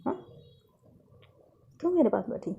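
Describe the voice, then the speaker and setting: A woman's voice: unhurried, warm tone, muffled recording, slight background noise, lightly acted. A woman voicing a hurt, angry young woman who lashes out and questions herself, in a read-aloud love story. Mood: defensive. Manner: bitter, outburst-prone, self-questioning. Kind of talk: storybook reading.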